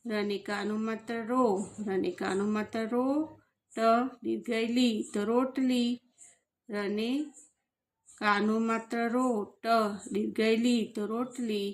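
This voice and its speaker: Woman teacher, slow and patient, sounds out letters one by one, fairly high voice. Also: fairly even intonation. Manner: patient, repeats each syllable slowly. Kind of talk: slow spelling lesson.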